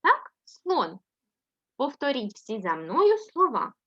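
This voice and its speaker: Woman, Ukrainian accent, primary teacher, unhurried, bright high voice, dull lo-fi sound. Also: sing-song. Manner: slow, sing-song syllable-by-syllable reading with frequent "так?" checks; affectionate praise of pupils. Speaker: first-grade teacher. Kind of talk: remote reading lesson for young children.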